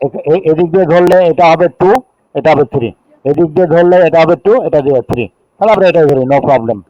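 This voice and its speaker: A middle-aged male teacher with a Bangladeshi accent and a slightly high speaking voice explains chemistry step by step. He counts aloud and checks in with his students. The recording is dry and dull, with a lo-fi tone. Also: mellow, no room sound. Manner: reads rules slowly in English, then explains in Bengali, counting aloud. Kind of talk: classroom lecture.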